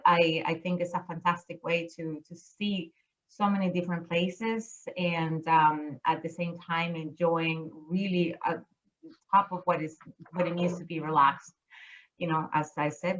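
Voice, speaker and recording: Over a video call, a cruise line business development manager, a middle-aged woman from Chile, gives a casual, enthusiastic interview full of restarts. Her voice sits on the low side, and the recording has its highs cut off.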